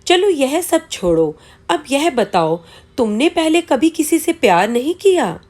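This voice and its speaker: A woman reading the part of a gentle, loving young wife who speaks softly and pleads. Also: high-pitched, sing-song, measured pace, pitched above the performer's own voice. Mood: affectionate.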